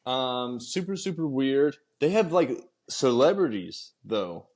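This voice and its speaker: Young male co-host, mid-pitched, laid-back and agreeable, on a video call. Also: big pitch swings, slow, a little mellow. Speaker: podcast co-host. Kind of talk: casual chat.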